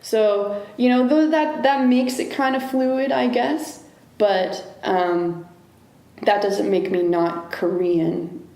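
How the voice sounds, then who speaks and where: A woman from the United States with a mid-range, dark, steady voice speaks slowly as an interview guest. In this reflective conversation she talks things through thoughtfully, searching for words and often restarting sentences. The room is echoey.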